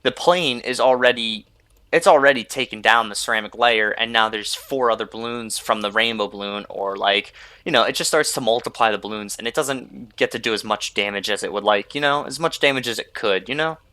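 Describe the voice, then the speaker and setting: A man's voice: mid-range voice, fairly quick, bright, forceful tone, no room sound. A young man hosting a gaming video, rambling casually over his gameplay and filling gaps with "like" and "you know". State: sleepy, yawning. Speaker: gaming channel host.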